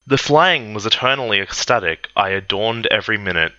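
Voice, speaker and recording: Deadpan man reading aloud, bright and dull. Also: lowish voice, fairly quick, dry recording. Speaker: reader. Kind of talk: comedic dramatic reading.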